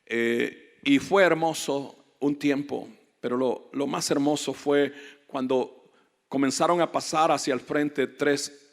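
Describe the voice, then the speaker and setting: A man preaching a fervent sermon as a guest pastor, rising to loud emphatic peaks. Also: mid-range voice. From Latin America. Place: church hall. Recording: echoey church hall reverb.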